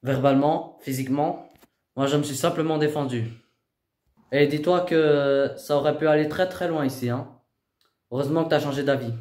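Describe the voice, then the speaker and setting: A man working as a youth educator, speaking firmly and insistently but keeping a calm voice during a tense reality TV confrontation. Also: fairly high pitch, moderate pace, echoey room. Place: inside a family apartment.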